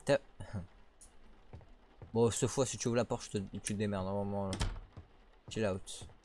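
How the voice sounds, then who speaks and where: A man doing casual let's play commentary on a horror game, excitable, swearing, laughing and yelling at the game. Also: fairly low pitch, unhurried, noisy background. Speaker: gamer. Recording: keyboard clicks behind the voice.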